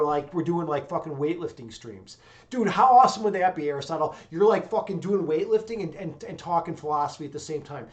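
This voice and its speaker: On his livestream, a young man whose voice sits on the high side talks to viewers in a relaxed, hyped-up manner. Swearing comes easily to him, and "dude" and "man" pop up constantly.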